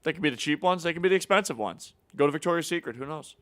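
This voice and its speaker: A man's voice: on the high side, expressive, very fast, a bit bright. A man hosting a casual hockey news segment, upbeat and teasing his co-host, with plenty of filler words. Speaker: show host. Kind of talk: casual sports news chat.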